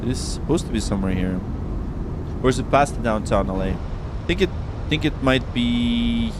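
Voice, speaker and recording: A man's voice: expressive, normal speed. A man giving chatty, casual live-stream commentary as a flight simulator pilot, thinking aloud. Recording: noisy, constant cockpit rumble. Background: aircraft cockpit rumble.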